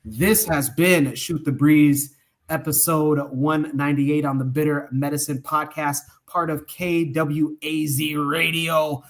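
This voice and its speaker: An enthusiastic podcast co-host from Omaha, Nebraska, signs off with closing remarks and shout-outs. His voice is fairly high with a steady tone and measured pace, and he sounds hesitant, using many fillers.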